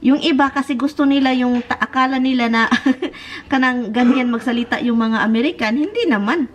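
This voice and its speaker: Brief: Filipina vlogger, Visayan accent, high and chatty, kitchen noise behind. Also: female voice, normal speed. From Philippines. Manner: chatty, giggly, animated. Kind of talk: casual chat to camera.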